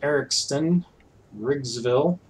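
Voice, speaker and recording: A man's voice: medium pitch, slow pace, a little hiss or hum. A man streaming a puzzle game, thinking aloud in a chatty, unsure way as he works things out. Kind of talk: casual let's-play commentary.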